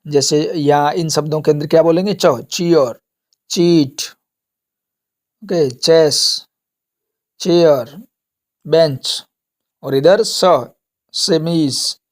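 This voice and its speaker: Male teacher, slightly high voice, deliberate pace, drills words one by one and answers his own questions. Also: darkish tone. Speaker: English teacher. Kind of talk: classroom lesson on pronunciation.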